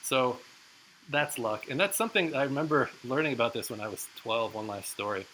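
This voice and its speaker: A man's voice: medium pitch, a little fast, pushed and bright, poor audio. A man professor telling a personal story to his class in a casual, chatty way, with many fillers. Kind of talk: casual closing lecture story. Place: lecture hall. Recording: hissy lecture recording.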